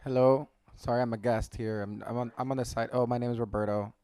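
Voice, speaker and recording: Smooth-voiced man from El Salvador. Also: mid-range voice, fairly even intonation, fast, dark tone. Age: 30s. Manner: rambling and enthusiastic, many restarts and "like"s. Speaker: engineer and hackathon mentor. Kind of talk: conference panel talk.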